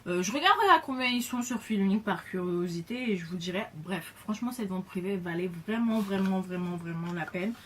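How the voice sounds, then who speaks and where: A woman's voice: medium pitch, animated, brisk, hardly any pauses, fairly bright tone, a little hiss or hum. A woman chatting casually in a beauty haul video, enthusiastic, with lots of fillers and repeated words. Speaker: beauty vlogger.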